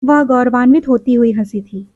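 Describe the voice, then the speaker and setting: A woman narrating a literary short story in a measured, expressive way. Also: a little high, dry recording. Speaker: story reader. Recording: dull lo-fi recording.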